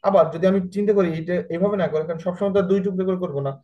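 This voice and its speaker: The recording is muffled, but his voice comes through high, warm, fairly even in intonation, and very fast. This Bangladeshi Bengali-accented man runs a chatty video editing screen-share class, peppering it with English words and constant questions to check students understand.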